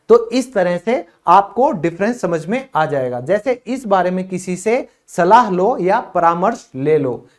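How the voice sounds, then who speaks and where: A man teaching English vocabulary in a casual, chatty way, speaking to viewers as friends and saying each example sentence slowly and carefully. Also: sits high.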